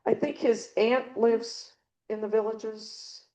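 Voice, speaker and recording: A middle-aged woman casually walks a birding club through her slides in a meeting room with a small crowd, rambling with frequent ums and restarts. Her voice is a little high, steady, mellow and slow, and the recording is rough, from a handheld or clip mic running low on battery.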